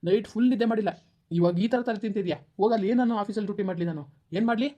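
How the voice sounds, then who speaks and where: A woman's voice: mid-range voice, dark tone, lo-fi sound, natural voice. A woman playing an irritable, defensive young husband who scolds his wife in a village comedy skit. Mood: irritated. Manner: snappish, scolding, quick-talking.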